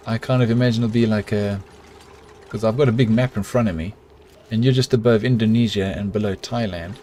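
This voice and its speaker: With a little hiss or hum behind him, a medium-pitched middle-aged man with a South African accent streams a colony-building game. He chats easily with his live audience and talks to himself as he builds, keeping things relaxed.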